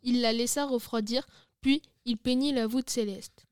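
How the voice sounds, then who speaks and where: A woman reading a storybook tale aloud as narrator, measured and careful. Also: on the high side, steady tone, smooth, no echo, studio quality.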